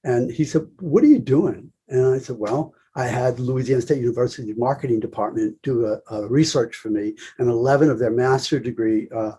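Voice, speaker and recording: A middle-aged man, a salon owner guesting on a podcast, telling lively stories and acting out the voices of people he quotes. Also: medium pitch, a little fast, few pauses, slightly rough. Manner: lively anecdotal storytelling, acts out quoted voices. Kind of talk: storytelling interview.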